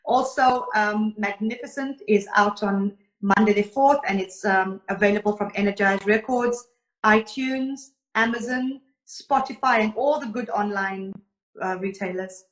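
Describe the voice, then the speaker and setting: A woman singer who grew up in Zambia and Zimbabwe, chatting warmly as an interview guest and laughing easily. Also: medium pitch, a little slow, reverberant. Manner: laughs easily, effusive and affectionate. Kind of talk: casual interview chat.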